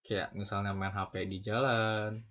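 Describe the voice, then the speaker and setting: A man's voice: fairly low pitch, flat delivery, measured pace, a bit bright. Young guy w lecturing, swears a lot, kinda muffled lo-fi audio. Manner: preachy, scolding, heavy slang and swearing. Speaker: vlogger. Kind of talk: ranting monologue.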